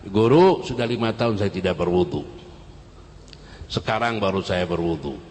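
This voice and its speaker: A man's voice: sits low, animated, moderate pace, a little mellow, in a large hall. A man voicing a tearful, repentant young male student who pleads with his teacher during a sermon. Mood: pleading.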